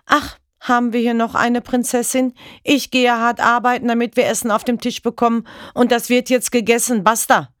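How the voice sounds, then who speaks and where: A woman reading a story aloud and voicing a violent grown man who shouts and bullies his family. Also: a little high, little pitch movement, moderate pace, dry recording, clean studio sound, pitched above the performer's own voice, close to an everyday voice. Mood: raging. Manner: shouting, bullying.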